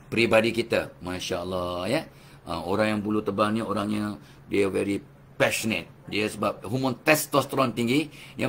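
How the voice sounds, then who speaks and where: Older Malaysian man giving a lively lecture. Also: medium pitch, slight background noise. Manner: lively, rhetorical questions, chuckles. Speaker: motivational speaker. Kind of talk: religious motivational lecture.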